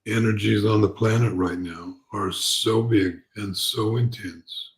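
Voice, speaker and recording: A man with a lowish voice gives an unscripted spiritual talk as a teacher. He's calm, gentle and reflective, speaking haltingly and repeating words as he goes.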